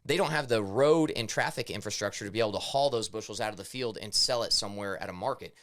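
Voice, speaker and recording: A man's voice: on the low side, fast talker, fairly bright tone. A young man from Missouri, co-hosting a casual podcast and laying out his views on farming at length. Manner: opinionated, explains at length. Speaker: podcast co-host. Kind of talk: casual chat.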